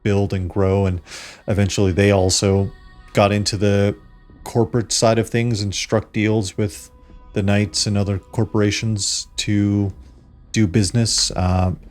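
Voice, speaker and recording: Low-voiced man narrating as game master over music. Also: level tone, measured pace, darkish tone. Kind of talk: game master narrating a tabletop role-playing game. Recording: background music under the voice.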